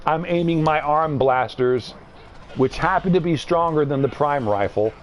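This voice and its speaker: A man's voice: a little high, normal speed, a little hiss or hum, lightly acted. A man mockingly voicing a cocky young male robot hero from a cartoon, boastful and breezy.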